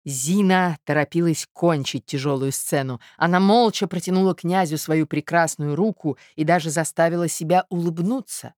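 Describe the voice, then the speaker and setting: A woman narrating a classic novel as an audiobook in a measured, even reading. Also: on the low side, no room sound, studio quality. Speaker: audiobook reader.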